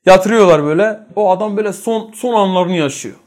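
Brief: male religious teacher, high voice, rhetorical questions to the room, swings between loud and hushed. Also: brisk. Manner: quizzes listeners with rhetorical questions. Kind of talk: religious study lesson.

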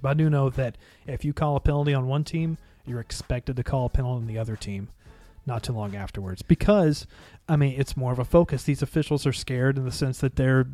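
A man's voice: medium pitch, warm tone. A man co-hosting a casual sports podcast, conversational, with trailing sentences. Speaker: podcast co-host.

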